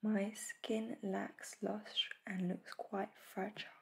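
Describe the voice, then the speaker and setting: A woman in an ASMR role-play as a spa facial therapist, speaking in a soft, breathy soft voice with a gentle, reassuring manner. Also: mid-range voice, little pitch movement, takes it slowly.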